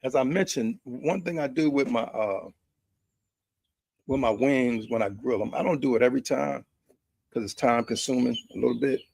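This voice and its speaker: A husky, gravelly American man with a mid-range, slightly mellow voice hosts a rambling cooking and chat stream at his grill in a quiet backyard. He talks at normal speed, folksy and repeating himself for emphasis, in a dry recording.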